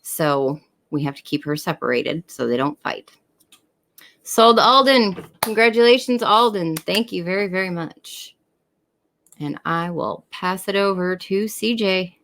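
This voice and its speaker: Woman host for a home-run live sale, unhurried, friendly with bidders. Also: lowish voice, lively intonation, gravelly. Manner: friendly, calls out bidders by name. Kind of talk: live auction selling.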